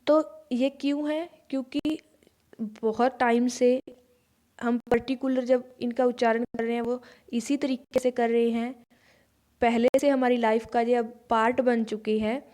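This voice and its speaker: Woman teacher, slow patient explaining, slightly high voice, repeats words. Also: level tone, warm tone. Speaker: English pronunciation teacher. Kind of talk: explaining to students.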